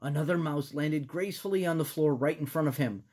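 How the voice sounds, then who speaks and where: A woman storyteller narrating a children's story in an animated style. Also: sits low, a little fast.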